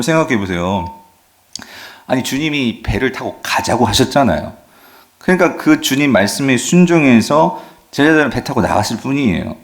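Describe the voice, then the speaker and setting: A man preaching a sermon as pastor, asking the congregation questions and dropping frequent affirming fillers. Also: mid-range voice.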